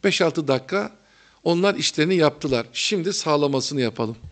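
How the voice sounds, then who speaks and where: A man's voice: on the high side, animated, moderate pace. A middle-aged man preaching a religious lecture, chatting with humor to his audience and building to fervent emphasis.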